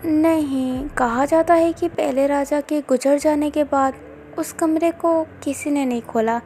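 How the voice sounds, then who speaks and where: A woman voicing a gentle young male king in a read-aloud fanfiction story, speaking calmly and softly. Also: high-pitched, unhurried, a little hiss or hum.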